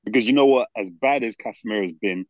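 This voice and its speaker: Man, lowish voice, London roadman accent, emphatic, repetitive, argumentative banter, dry slightly dull recording. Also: fast, dry recording. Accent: London, urban slang (roadman). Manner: emphatic, repeats himself, argumentative. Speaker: football podcast co-host. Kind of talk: casual football banter.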